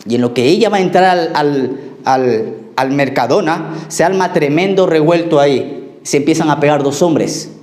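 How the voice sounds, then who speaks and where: A man's voice: a little high, normal speed, darkish tone. Echoey preaching pastor, man. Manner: storytelling preacher, asks the congregation questions. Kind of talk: sermon. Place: church. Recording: echoey church hall.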